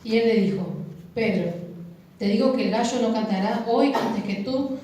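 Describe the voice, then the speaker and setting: A woman reading scripture aloud to a congregation in a measured, deliberate way. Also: fairly high pitch, warm tone. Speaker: scripture reader. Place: church hall. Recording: echoey church hall, from far off.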